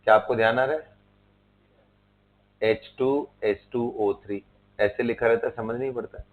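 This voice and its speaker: In a chemistry lecture that blends Hindi and English, a man spells terms out letter by letter and checks in with his students. His medium-pitched voice keeps a fairly even intonation at normal speed, and the recording sounds tinny and lo-fi, like a phone.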